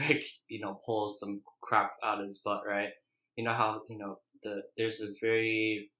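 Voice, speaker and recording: Flat-toned young man, casual and echoey. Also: on the low side. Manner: rambling, colloquial, hesitant delivery. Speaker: vlogger reviewing a TV episode. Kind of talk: casual, unscripted episode recap. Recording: echoey, roomy sound.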